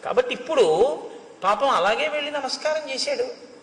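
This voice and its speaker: Bright high-voiced man giving a devotional discourse. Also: moderate pace. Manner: expressive retelling, chants Sanskrit verses and explains them. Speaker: religious discourse speaker. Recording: echoey hall with long reverb.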